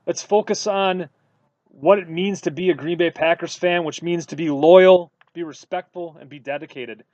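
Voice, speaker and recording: A man from Wisconsin co-hosting a sports podcast, telling stories in a casual, animated way with lots of fillers. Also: on the high side, moderate pace, no room sound. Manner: animated storytelling with many fillers. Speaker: podcast co-host.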